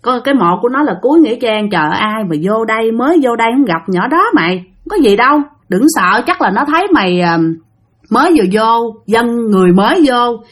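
A woman's voice: fairly high pitch, lively intonation, brisk, a bit bright. A woman with a Southern Vietnamese accent voicing a blunt man who lives in a cemetery, speaking offhandedly. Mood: dismissive. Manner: offhand, brushing off fear. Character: male cemetery resident, blunt and reassuring.

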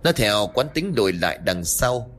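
A man's voice: on the low side, very animated, moderate pace, a bit bright, a little hiss or hum. A man narrating a horror ghost story in a dramatic storytelling manner.

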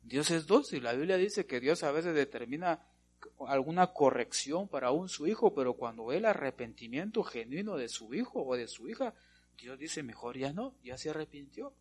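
A man's voice: fairly high pitch, expressive, moderate pace, darkish tone, slight background noise. A male pastor preaching a sermon, punctuating his points with repeated amens and rhetorical questions to the congregation.

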